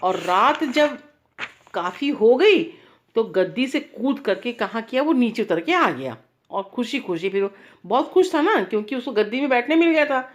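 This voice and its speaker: A woman's voice: a little high, expressive, normal speed. A woman telling a child a story in an informal, chatty way, speaking to the child directly as she goes. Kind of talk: bedtime story told aloud.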